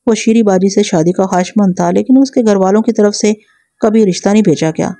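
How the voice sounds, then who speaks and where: A woman's voice: medium pitch, dark tone, no echo, close to an everyday voice. A woman voicing an earnest, tearful young village man who speaks respectfully and anxiously. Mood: informative.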